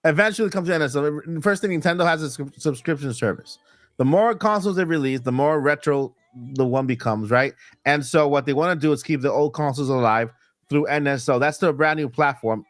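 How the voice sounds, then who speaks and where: A man hosting a casual podcast chat, animated, laughing as he talks and repeating his words. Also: a little high, brisk, no echo. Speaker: podcast host.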